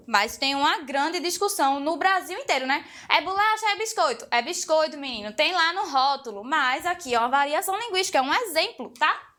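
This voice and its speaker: A young woman from Recife with a Pernambuco accent, teaching an exam-prep lesson in a lively, chatty and playful way, talking straight to her viewers. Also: very high voice. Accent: Pernambuco Portuguese. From Recife, Brazil.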